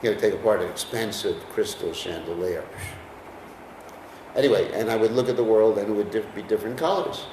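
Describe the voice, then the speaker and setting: An American man from the United States lectures on scripture, teaching the class conversationally and frequently putting questions to his listeners. His voice is on the low side and brisk. He sounds far from the mic in an echoey room with a noisy background.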